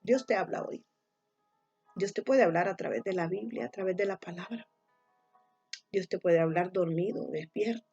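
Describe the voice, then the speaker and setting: A woman preaching a devotional sermon in a husky, slightly breathy voice, building her points through steady repetition. The recording sounds dull and lo-fi, with faint music playing underneath. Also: lowish voice, normal speed. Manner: emphatic, repetitive phrasing.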